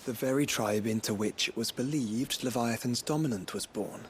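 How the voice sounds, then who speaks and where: A man's voice: mid-range voice, moderate pace, slight background noise, lightly acted. An actor playing a learned male companion in a video game, talking in a thoughtful, explanatory way. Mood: musing.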